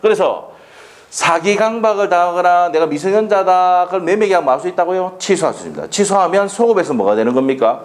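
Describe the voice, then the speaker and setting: A man's voice: sits high, expressive, a little fast. A man lecturing on law for an exam, quizzing students with rhetorical questions and blunt dialect jokes.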